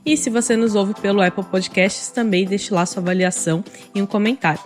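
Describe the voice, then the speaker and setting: A Brazilian woman in her thirties opens and hosts a podcast episode. Her voice sits at a middle pitch, and she reads her script at a steady, even pace. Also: a little fast, faint music behind. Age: 30s. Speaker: podcast host.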